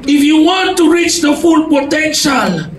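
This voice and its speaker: A man with a Filipino accent preaching a youth sermon, often shouting and calling for amens, switching between English and Tagalog. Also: extremely high pitch, expressive, takes it slowly. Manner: shouting, calls for amens from the crowd; mixes English and Tagalog mid-sentence. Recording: echoey hall, voice far from mic, crowd and noise.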